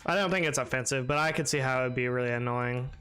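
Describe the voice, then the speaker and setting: Young guy streaming a game, smooth voice, says like and you know a lot, mid pitch. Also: quick pace, fairly bright tone, soft background music. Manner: rambling, filler-heavy, answers chat by name. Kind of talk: casual live-stream chat.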